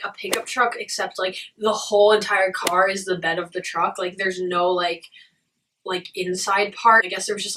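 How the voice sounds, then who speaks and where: Bright-voiced young woman, puzzled dream recounting. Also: medium pitch, recorded from a distance, a little hiss or hum, low-quality recording. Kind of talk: casual storytelling to camera.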